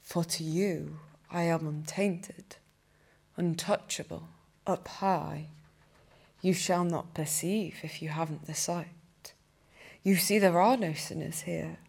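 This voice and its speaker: A young woman, a poet, reading her own poems aloud in a cathedral with slow, measured delivery. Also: fairly low pitch, fairly even intonation, creaky, darkish tone, husky. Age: young adult. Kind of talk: poetry reading.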